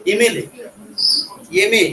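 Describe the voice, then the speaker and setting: A man teaching English grammar to a class, explaining patiently, spelling words out letter by letter and checking understanding with quick questions. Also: sharp tone. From West Bengal, India. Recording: echoey classroom from far off, faint background noise.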